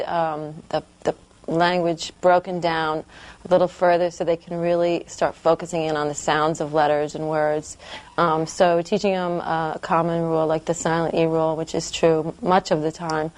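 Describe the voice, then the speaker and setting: A low-pitched woman with a darkish tone teaches a small group of children to read in a classroom phonics lesson, patiently questioning them and making sure they keep up.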